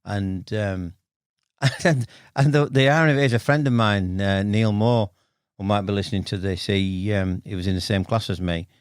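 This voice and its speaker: A man's voice: fairly low pitch, moderate pace, clean tone, no room sound, clean studio sound. A man in his sixties from Bradford with a Yorkshire accent, chatting and telling stories as an interview guest in a blunt, matey, colloquial way. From Bradford, Yorkshire, northern England. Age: 60s. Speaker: podcast guest, veteran carp angler. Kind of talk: casual interview storytelling.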